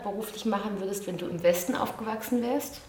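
A woman's voice: medium pitch, fast, a little mellow. A woman in her twenties asking casual, coaxing interview questions. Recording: roomy recording with faint hiss.

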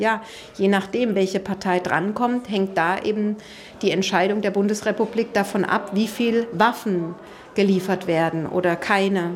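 Chatty woman teacher explaining. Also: medium pitch. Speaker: language teacher. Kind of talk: interview.

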